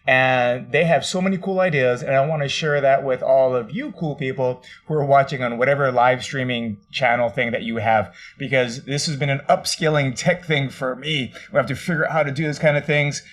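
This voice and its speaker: A man hosting a casual live stream from his home office, chatty and rambling, laughing often. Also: fairly high pitch. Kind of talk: casual chat.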